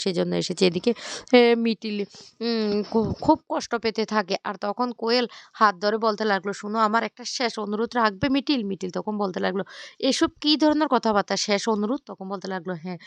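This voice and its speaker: A woman casually retelling episodes of a television serial, voicing the characters' lines in her own voice, with frequent pauses and restarts. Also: mid-range voice, gravelly, clear, resonant tone, dry recording. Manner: hesitant, with frequent fillers and restarts. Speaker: vlogger recapping a TV serial. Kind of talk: casual storytelling recap.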